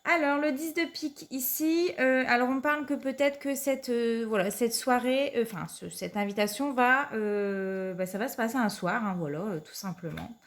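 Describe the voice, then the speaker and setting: Her voice sits on the high side, moving at a moderate pace with few pauses, as she reads cards for her viewers' week despite a cold. The card reader hesitates, uses many fillers, and repeats "tout simplement" again and again.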